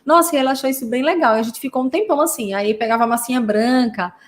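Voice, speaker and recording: A woman's voice: high-pitched, fast. Playful Brazilian woman acting out sounds. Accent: Brazilian Portuguese. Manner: playful, acts out sound effects, frequent tag questions. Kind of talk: casual teaching talk to parents.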